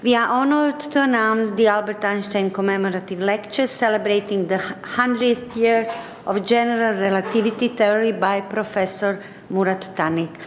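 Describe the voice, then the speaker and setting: A woman introducing a speaker at a conference in a measured, ceremonial manner. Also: medium pitch. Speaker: conference announcer. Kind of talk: formal introduction. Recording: echoey hall with faint noise.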